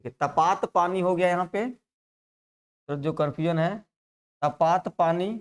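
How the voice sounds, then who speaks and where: A man's voice: on the high side, steady tone, a little slow, clean tone. A male teacher giving a live exam-prep class, repeating terms and coaxing students with constant checks. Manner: repetitive, coaxing, peppers lines with "hai na".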